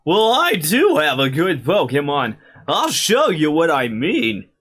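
A man voicing a bratty, sneering young male rival trainer in a video game, taunting and shouty. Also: fairly high pitch, huge pitch swings, a little slow, voice pushed up, heavily acted.

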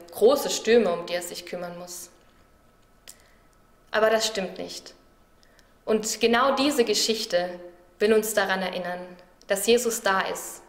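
A woman delivers a devotional reflection in a calm, measured and thoughtful manner. Her voice sits at an ordinary middle pitch. The recording carries a noticeable roomy echo. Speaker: church devotional speaker.

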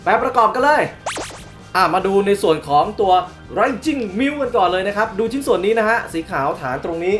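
A young man hosting a casual toy unboxing review. He is excitable, exclaims often and hums little sound effects as he shows the box. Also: high voice, a little fast, few pauses, faint music behind. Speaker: toy reviewer, channel host.

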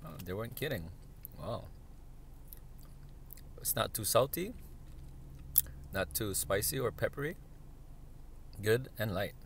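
A man's voice: on the low side, expressive, slow pace, pauses often. A man hosting a casual, unscripted food review, recorded inside a car. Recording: clear background noise with clicks.

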